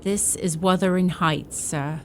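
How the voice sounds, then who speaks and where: In a radio drama, an actress plays a long-serving elderly housekeeper, deferential, grave and matter-of-fact. Her voice is fairly low and unhurried, with fairly even intonation, and faint background noise sits under it.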